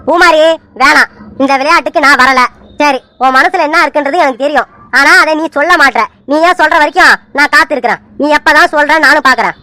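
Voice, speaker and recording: A woman plays a playful, teasing man on the phone in a cartoon serial, who fakes fright and coaxes in quick, bright, very high tones. The voice sounds close and dry, with no room around it. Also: dry recording. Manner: teasing, mock-pleading, wheedling. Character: man called Surya sir on the phone, teasing. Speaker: cartoon character. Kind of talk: animated serial dialogue.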